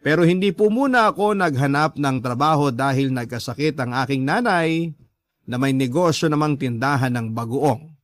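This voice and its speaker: A fairly high-pitched man hosts a radio love story show, dramatically reading a scripted letter. He tells it in measured storytelling phrases full of pauses, with no room sound in the recording.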